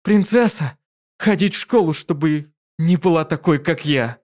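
A man voicing a confused pegasus mare mother who shouts jumbled words, in an audiobook reading. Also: on the high side, measured pace, pitched above the performer's own voice, lightly acted. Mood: sobbing.

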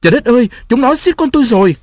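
A man's voice: mid-range voice, very animated, a little fast, dry recording. A man voicing a desperate grieving peasant mother who wails and pleads. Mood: frantic. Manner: wailing, pleading.

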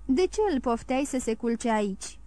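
A woman's voice: a little high, animated, warm tone, no echo, soft background music, lightly acted. A woman voicing a grim, scheming innkeeper's wife with a tremulous, sly and menacing way of speaking.

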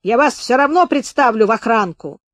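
A hoarse, wheezing male sleuth, as a woman reader puts him on, spiteful and menacing with a raised, strained pitch. He sneers and threatens in a close, dry recording. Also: fairly quick, dry recording, close to an everyday voice. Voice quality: hoarse, hissing. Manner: spiteful, shrill outbursts. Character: hoarse sinister stooped male detective, spiteful.

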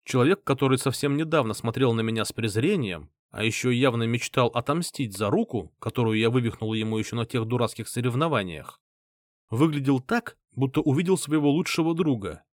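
A man's voice: a little fast, dry recording, studio quality. A man narrating an audiobook, reading the story and voicing each character in turn. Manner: lively, voices each character with shifts in pitch.

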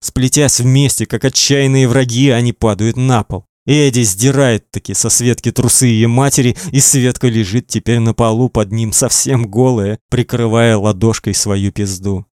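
A man reads a novel aloud in a tense, dramatic way, his voice of middle pitch. The recording is dry and close, with no room sound. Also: steady tone, normal speed, hardly any pauses, darkish tone, no echo. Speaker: narrator. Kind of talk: audiobook narration.

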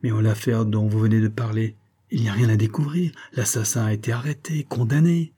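A man voicing a furious, quick-tempered middle-aged gentleman who shouts and seethes in a storybook reading. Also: fairly low pitch, steady tone, slightly rough. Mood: pressing.

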